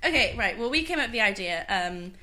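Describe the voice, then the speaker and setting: A woman co-hosting a casual podcast, giggly and animated with quick asides. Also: medium pitch. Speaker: podcast co-host. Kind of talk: casual chat.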